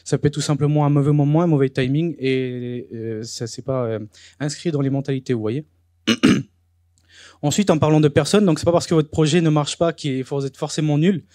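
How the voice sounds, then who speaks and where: This young man, hosting a talk event for a live audience, speaks briskly on the high side with fairly even intonation and a mellow quality. His delivery is casual and chatty, marked by frequent hesitations and many fillers, and there's no room sound.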